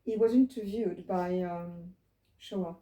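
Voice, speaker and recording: An elderly Frenchwoman speaks English in a fairly low, dark voice at a slow pace. She tells her life story to a small group in a roomy living room, reflecting, wandering off on tangents, and asking them questions.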